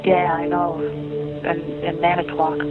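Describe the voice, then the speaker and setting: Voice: mid-range voice, little pitch movement, a little slow. A caller chatting plainly over a tinny payphone call from a jail. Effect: tinny payphone line from a jail. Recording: tinny phone line with music over it.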